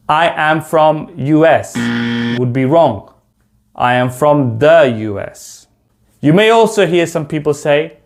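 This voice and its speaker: A man in his thirties from the United Kingdom, speaking with a London accent in a voice on the high side, teaches a beginner English lesson to camera. He's in a small room at home, spelling out slow, deliberate example sentences.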